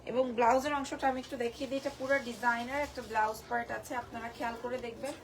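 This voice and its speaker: Woman, live-sale host from Bangladesh; hoarse, high voice, effusive and repetitive. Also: fairly even intonation, very fast. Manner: gushing, repeats prices and discount. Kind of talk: live-stream sales pitch.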